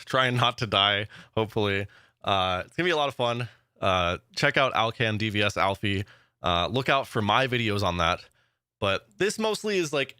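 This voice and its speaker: A man giving a casual vlog update as a gaming YouTuber, excited and rambling with lots of fillers. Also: medium pitch, clear, resonant tone, no echo, studio quality.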